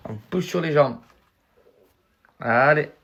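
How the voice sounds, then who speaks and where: A man's voice: a little high, slow pace, fairly bright tone. A man, a father playfully teasing and cooing at his baby in a casual family video. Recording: noisy phone video.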